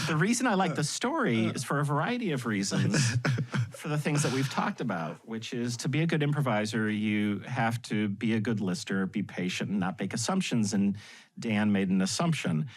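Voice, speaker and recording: A man guesting on a podcast, telling anecdotes in an animated way and laughing often. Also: medium pitch, normal speed, breathy edge. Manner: animated storyteller with frequent laughs. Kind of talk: anecdotal storytelling in conversation.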